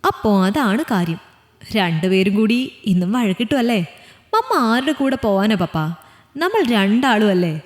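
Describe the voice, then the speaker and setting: A woman voicing a young adult daughter in a storybook reading, soft and pleading. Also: medium pitch, sing-song, unhurried, in a large hall. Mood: tender. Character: young adult daughter, tender then shattered.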